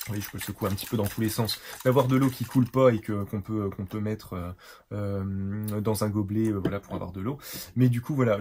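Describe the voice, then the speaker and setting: A man's voice: lowish voice, darkish tone, slight background noise. A tired man chatting casually on his video channel, rambling with lots of fillers, restarts and little digressions. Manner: rambling, self-correcting, many fillers and digressions. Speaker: art supplies reviewer. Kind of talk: casual chat to camera.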